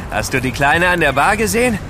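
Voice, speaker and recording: Man acting high-voiced cocky young street lout. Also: big pitch swings, normal speed. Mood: boastful, relaxed. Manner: brash, slangy, swearing. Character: cocky young male street lout, boastful and quick-tempered. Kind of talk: dramatised street dialogue in colloquial slang. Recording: noisy outdoor street with traffic.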